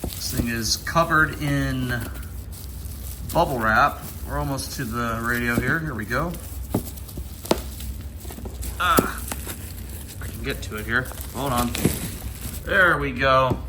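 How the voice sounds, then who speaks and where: Filming on a handheld camera with noise in the background, a vlogger from Ohio in the United States unboxes something with informal, enthusiastic commentary. His mid-range voice takes it slowly, with long pauses.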